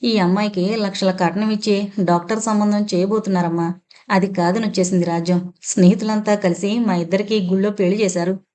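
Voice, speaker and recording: An earnest young man reassures his worried parents, calm and sure of himself, voiced by a woman narrator. The audiobook voice stays close and even. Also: medium pitch, brisk, natural voice. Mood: explaining.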